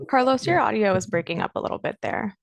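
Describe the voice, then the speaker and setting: A woman on a video call cutting in briefly, brisk and matter-of-fact. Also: medium pitch, very animated, vocal fry, no room sound. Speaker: session participant. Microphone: computer mic on a video call.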